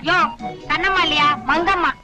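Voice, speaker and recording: A flirty soda seller. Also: female voice, extremely high pitch, fairly even intonation, normal speed, sharp tone, soft background music, heavily acted. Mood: scolding. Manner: teasing, coquettish. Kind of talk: Tamil film comedy dialogue.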